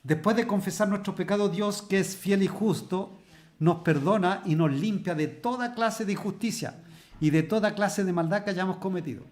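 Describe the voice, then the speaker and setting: A fairly high-pitched man preaches a Bible study, posing rhetorical questions to his listeners. When he reads scripture he slows down and stresses each phrase. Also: darkish tone. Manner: slows down and stresses words when reading verses. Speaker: pastor.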